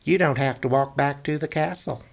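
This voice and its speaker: A man doing a high-voiced nervous hunter. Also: moderate pace, gravelly, natural voice. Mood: strained. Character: reluctant royal hunter, grown man, nervous.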